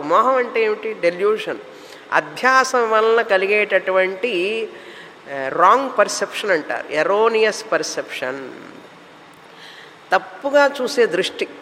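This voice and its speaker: A man's voice: sits high, animated, a little slow, pauses often, pushed and bright, in a large hall, slight background noise, poor audio. A man giving a spiritual discourse as a teacher, explaining terms in long listed runs. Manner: explanatory, lists terms in runs, mixes English words.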